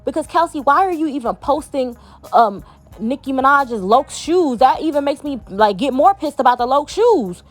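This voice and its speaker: A woman's voice: high voice, lively intonation, normal speed, faint music behind. A woman vlogger in a heated, profane commentary rant, talking emphatically.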